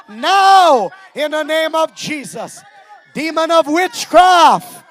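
A man preacher shouting deliverance prayers, commanding spirits out in slow, repeated chant-like phrases. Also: very high-pitched.

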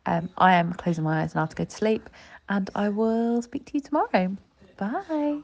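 Lying in bed late at night, a woman co-host records a rambling voice note, sleepy and yawning, chatty and full of ums and restarts. Her voice is gravelly and darkish, medium in pitch, at a moderate pace, with the highs cut off.

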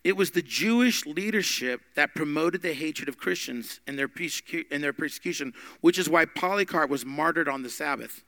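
A man teaching a Bible study podcast, emphatic, with big swings in loudness. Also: on the high side, moderate pace, vocal fry, few pauses, no echo.

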